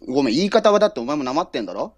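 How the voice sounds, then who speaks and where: A man in his thirties calling in to a livestream, confronting another caller in blunt, rough speech. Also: fairly high pitch, big pitch swings, racing, no echo. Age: 30s. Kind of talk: heated livestream argument.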